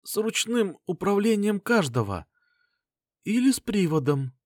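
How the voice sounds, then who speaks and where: A man's voice: sits high, very animated, a little slow, darkish tone, dry recording, clean studio sound, voice pushed up, full character voice. A man voicing a badly wounded young inventor who speaks weakly and strained, rambling about his designs. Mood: feverish.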